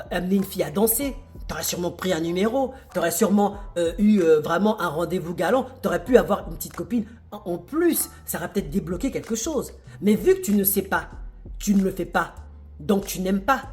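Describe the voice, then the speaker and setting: A man giving an emphatic motivational monologue to camera, asking the viewer rhetorical questions. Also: sits high. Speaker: real estate investor and video host.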